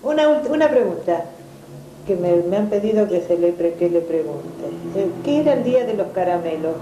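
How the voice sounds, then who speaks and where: A woman interviewer asking polite, gentle questions. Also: fairly low pitch, lively intonation, normal speed, echoey room, noisy background.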